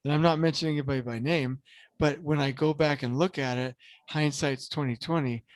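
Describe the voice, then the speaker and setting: A man's voice: a little high, fairly even intonation, a little fast, dry recording. A man hosting a casual motivational podcast, talking earnestly and at length with many restarts and fillers, growing impassioned. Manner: grows impassioned and emphatic. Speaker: podcast host.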